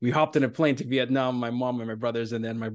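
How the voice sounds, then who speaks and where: A man from Nigeria hosting an interview podcast, talking in an animated, conversational way. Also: medium pitch, fast talker, dry recording, clean studio sound. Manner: animated, conversational, with frequent fillers. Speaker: podcast host.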